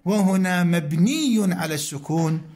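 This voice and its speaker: A man's voice: high-pitched, moderate pace, a little mellow. A man teaching Arabic grammar, explaining a classical text line by line, patiently repeating examples and asking his students questions.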